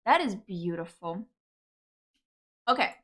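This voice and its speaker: A young woman from Cyprus hosts a casual music reaction video, her mid-range voice slow, fairly bright, and lively in intonation. She gushes over the songs with enthusiasm, lots of fillers, and loving remarks.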